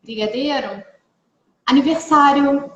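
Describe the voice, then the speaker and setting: A woman's voice: high-pitched, takes it slowly, fairly bright tone, reverberant, dull audio. A woman moderator giving short answers in a live video call. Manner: brief replies during a word game.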